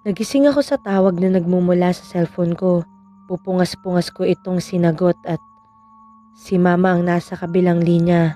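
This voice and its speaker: Mellow woman narrating a horror story. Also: on the low side, soft background music. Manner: calm, measured first-person telling.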